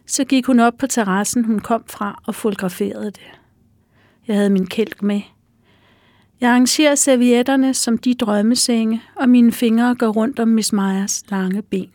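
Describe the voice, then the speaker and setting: A woman author reading a passage from her own novel in a soft, measured way. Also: a little high, steady tone, dry recording, studio quality.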